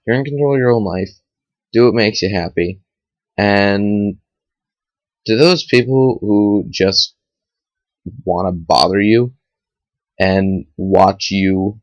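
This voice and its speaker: A young man rambles in a chatty, casual way, full of fillers and restarts, his voice sitting a bit low. The sound is dull and lo-fi, as if from a built-in webcam mic, with a dry, close feel. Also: no room sound. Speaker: vlogger. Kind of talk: casual motivational talk to camera. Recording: dull lo-fi home webcam audio.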